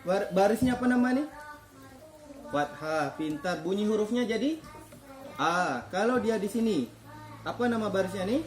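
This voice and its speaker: A man's voice: high-pitched, expressive, normal speed, long pauses. A man teaching children to read the Quran in a classroom, patiently quizzing them and praising their answers. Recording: echoey classroom.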